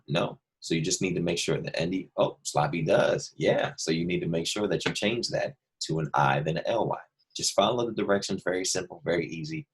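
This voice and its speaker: Low and husky, this man teaches second grade remotely. He walks his young students through a worksheet with patience, explaining every step and going over key points again.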